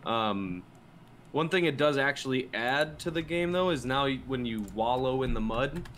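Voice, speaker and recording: A man's voice: medium pitch, moderate pace. Male streamer from Minnesota, casual rambling chat, faint hiss behind. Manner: relaxed, rambling with um and uh fillers. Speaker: game streamer.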